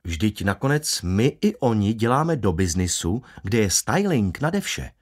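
Wry low-voiced male narrator. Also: very animated. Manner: wry, ironic. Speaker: audiobook narrator. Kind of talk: first-person audiobook narration.

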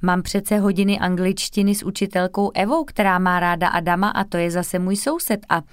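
A woman's voice: mid-range voice, clean tone, dry recording, clean studio sound, close to an everyday voice. A woman voicing a cheerful, proud little girl who is eager to travel. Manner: lively, proud.

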